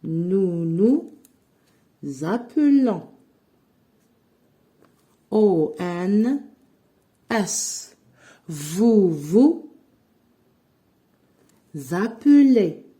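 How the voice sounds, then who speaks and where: Woman French teacher, lively pitch, slow dictation that spells out endings. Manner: dictates slowly, spells out verb endings letter by letter. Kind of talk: slow classroom-style grammar lesson.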